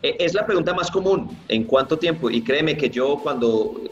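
A man who teaches English, answering interview questions in a lively way and acting out the people he quotes. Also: moderate pace. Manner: animated, acts out quoted people with big pitch jumps. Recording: roomy, slightly dull, faint music behind.

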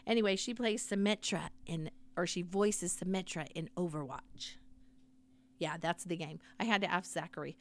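A woman's voice: lowish voice, moderate pace. A middle-aged woman co-hosting a podcast, chatting casually and repeating her praise. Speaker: podcast co-host. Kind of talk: casual chat recap.

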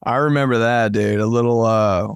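A man's voice: mid-range voice, fairly even intonation, moderate pace, smooth, no echo. A young man co-hosting a casual podcast from a home studio, joking crudely and swearing a lot, a little congested. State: congested with phlegm. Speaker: podcast co-host. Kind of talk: casual chat. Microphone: over-ear headphones and studio mic.

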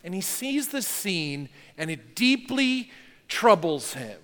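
Earnest high-voiced preacher in a reverberant hall. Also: male voice, big pitch swings, slow, fairly bright tone. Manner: earnest, conversational preaching with rhetorical questions. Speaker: pastor. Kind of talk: sermon.

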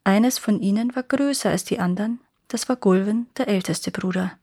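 A woman storyteller reading a fairy tale aloud in calm, even narration. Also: mid-range voice, normal speed, no room sound.

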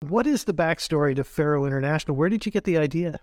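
A man's voice: a little high, animated, fast talker, darkish tone, no room sound, studio quality. A man hosting a podcast interview, friendly, summing up the guest's points and asking questions. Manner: friendly, sums up and asks questions. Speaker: podcast host.

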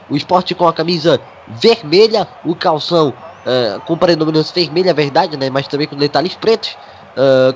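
A man's voice: a little high, a little hiss or hum. A Brazilian man doing live radio football play-by-play in a projected announcer's delivery, peppered with stock catchphrases.

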